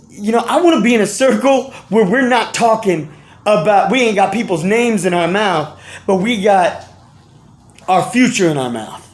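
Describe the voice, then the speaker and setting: A man with a high-pitched voice delivers a casual motivational monologue straight to his audience. His speech is slangy, repetitive and full of restarts. He shifts between lively, animated bursts and low, quiet asides. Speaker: vlogger giving life and business advice.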